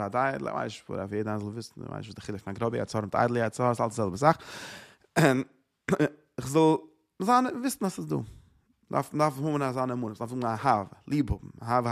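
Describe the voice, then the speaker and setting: A man's voice: medium pitch, gravelly. A man teaching a Torah lecture, repeating phrases and asking rhetorical questions. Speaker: religious teacher.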